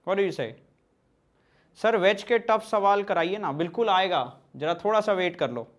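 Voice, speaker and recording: A man from central India with a high voice teaches physics at a slow pace in an online class. Switching between Hindi and English, he reads students' questions aloud and then answers them.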